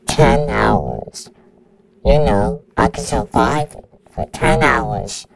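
A robotic computer virus. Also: male voice, medium pitch, expressive, very slow, creaky, crowd noise, exaggerated voice, low-quality recording. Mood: menacing. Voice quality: robotic synthetic voice. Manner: threatening countdown announcements. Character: menacing male computer virus entity.

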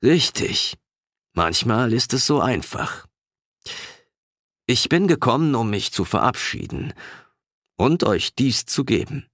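A man voicing a calm, mysterious wandering man in an audiobook, speaking in a measured, quiet manner. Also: mid-range voice, no room sound, clean studio sound, voice pushed up, full character voice. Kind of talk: audiobook character reading.

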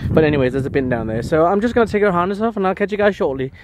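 Rapid-fire and animated, with a voice that sits high, a man in his thirties from Denmark rambles through a casual daily vlog on a handheld camera held at arm's length. He laughs often and baby-talks to his dog, filming on a windy beach and partly at home, with wind noise on the camera mic.

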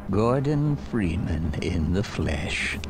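An actor playing a cold, enigmatic man in a suit in a video game, measured and halting with breathy hissed emphasis. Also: deep voice, big pitch swings, a crowd in the background, full character voice. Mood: cold, ominous. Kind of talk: scripted video game monologue. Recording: game audio with noisy ambience.

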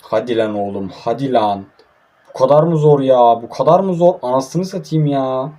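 A man's voice: medium pitch, moderate pace, mellow. A young man from Turkey giving casual, frustrated commentary while playing a mobile football game, grumbling and swearing often.

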